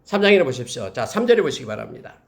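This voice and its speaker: A middle-aged man, a pastor preaching a sermon and addressing his congregation directly with animated emphasis. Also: mid-range voice, fast, gravelly, a little hiss or hum.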